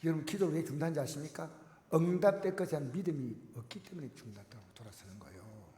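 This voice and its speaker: Korean pastor preaching in an echoey hall. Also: male voice, fairly high pitch, expressive, quick pace, a little hiss or hum. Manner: emphatic preaching, swings from loud exclamations to near-whispers; addresses the congregation directly with repeated questions. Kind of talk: sermon. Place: church sanctuary. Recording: echoey church hall with long reverb.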